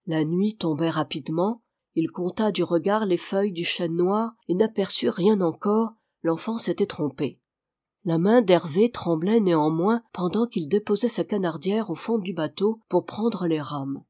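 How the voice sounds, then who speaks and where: An audiobook reader with a middle-pitched voice tells a classic adventure novel at an even, measured pace. The recording is dry and close, with no room sound at all. The delivery stays steady throughout, as in scripted narration. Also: no echo.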